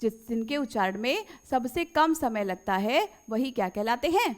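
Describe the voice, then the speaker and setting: High-voiced woman teaching a grammar lesson. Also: very animated, moderate pace. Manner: repeats key phrases and quizzes pupils; addresses pupils fondly as children. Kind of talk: exam-prep grammar lesson.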